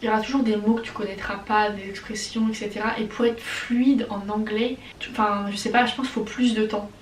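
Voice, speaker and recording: A young woman from France with a French accent, chatting casually and excitably as she answers viewer questions in a vlog. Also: mid-range voice, brisk, reverberant, distant mic, slight background noise. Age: young adult. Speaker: vlogger.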